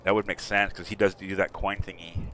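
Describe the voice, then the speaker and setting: Male let's player, casual rambling chat, playful, fairly low bright voice, faint background noise. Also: level tone, fairly quick. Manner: rambling, playful, chuckles often. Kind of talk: casual chat over gameplay.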